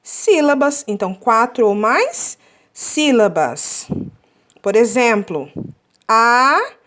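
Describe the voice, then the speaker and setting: A woman's voice: on the high side, big pitch swings. A woman teaching a children's lesson, drawing words out syllable by syllable and often checking in with her class. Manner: slow, drawn-out syllable counting.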